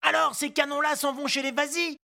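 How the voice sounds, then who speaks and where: A man voicing an earnest, indignant little boy in a storybook reading, with a high childlike voice. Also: little pitch movement, brisk, gravelly, pushed and bright, no room sound, studio quality, full character voice. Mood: questioning. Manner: high childlike voice, outraged pleading.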